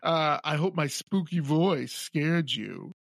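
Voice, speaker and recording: Slow-talking man pitching his podcast. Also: lively intonation, gravelly, a bit bright, dry recording, studio quality. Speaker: podcast host in a promo. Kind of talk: podcast promo.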